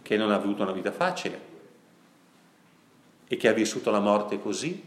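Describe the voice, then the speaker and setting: A priest giving a sermon, telling a story and putting questions to his listeners, often slowing down for emphasis. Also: fairly low pitch, expressive, roomy sound. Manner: storytelling, asks the audience questions, slows down for emphasis.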